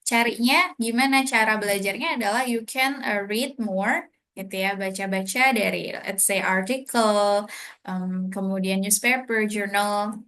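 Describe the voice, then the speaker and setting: A woman's voice: medium pitch, measured pace, pushed and bright. Indonesian woman tutoring in mixed languages. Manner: mixes Indonesian and English, explanatory. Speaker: English tutor. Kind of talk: online lesson.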